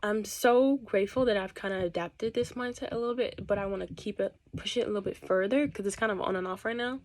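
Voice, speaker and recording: A young woman YouTuber talking casually to her camera. She talks fast and sometimes stumbles over her words. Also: mid-range voice, a little hiss or hum. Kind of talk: casual vlog talk to camera. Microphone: camera set across the room.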